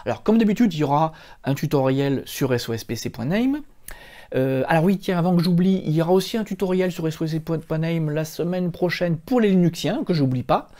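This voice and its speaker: A man talks viewers through a computer tutorial step by step, chatty and loose, with frequent fillers. His voice is mellow and dark in tone, but his pitch swings widely as he points things out on screen. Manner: chatty, explains step by step with many fillers and "hop". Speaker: computer help tutorial host. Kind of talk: screen-recorded software tutorial.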